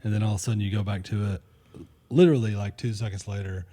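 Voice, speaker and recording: A laid-back man co-hosting a podcast, chatting casually. He talks quickly in a low, mellow voice. He drops in fast, easygoing asides. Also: fairly even intonation. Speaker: podcast co-host. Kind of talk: casual chat.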